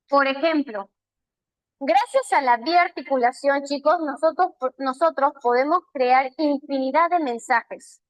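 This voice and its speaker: Peruvian teacher, woman, high bright voice, patient explainer, dry close sound. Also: dry recording, poor audio. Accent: Peruvian Spanish. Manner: patient, explains step by step with frequent check-ins. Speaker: language teacher. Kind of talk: online class lecture.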